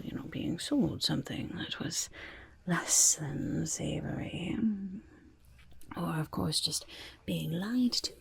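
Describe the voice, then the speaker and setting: A shifty little goblin vendor, acted out by a woman in an ASMR roleplay. The voice is a very breathy, raspy whisper with a gravelly crackle. The patter is slow, boastful and easily flustered, full of stammered sales talk. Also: lowish voice, a little mellow, heavily acted. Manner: speaks of self in third person, stammering sales patter.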